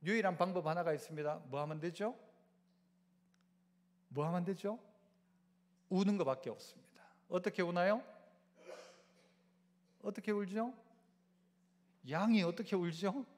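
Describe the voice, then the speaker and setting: A man's voice: sits high, unhurried, long pauses, a little mellow. A male pastor with a Gyeongsang Korean accent preaching a sermon, asking the congregation questions and having them repeat after him. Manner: call-and-response preaching, asks the congregation to repeat. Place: church sanctuary. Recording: long church hall reverb.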